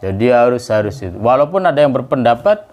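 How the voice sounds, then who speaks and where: A man teaching Quran recitation to a class, speaking casually between verses and drawing the recited words out slowly. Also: mid-range voice, very animated, a little mellow, slight background noise. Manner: casual explanations in between, calls the class to repeat.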